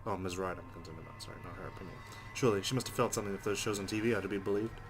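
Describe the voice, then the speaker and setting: A low-pitched man races through visual novel text very fast as a let's play host, adding casual reactions of his own. Music plays in the background, along with steady, loud noise.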